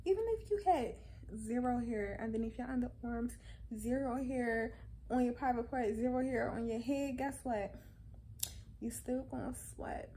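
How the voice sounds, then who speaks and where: Woman vlogger, relaxed higher voice, casual but insistent, repeats key phrases for emphasis, some background noise. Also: unhurried. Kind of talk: casual opinion monologue to camera.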